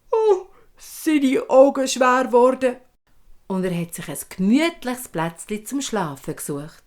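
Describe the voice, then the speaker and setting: A woman with a Swiss German accent telling a fairy tale in a vivid, expressive way. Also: mid-range voice. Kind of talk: oral fairy-tale storytelling.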